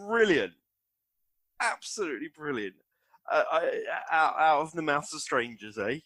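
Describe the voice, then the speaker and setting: A man's voice: on the high side, pushed and bright, no echo. A man hosting an interview, enthusiastic and hesitant in his phrasing as he asks questions. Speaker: podcast host.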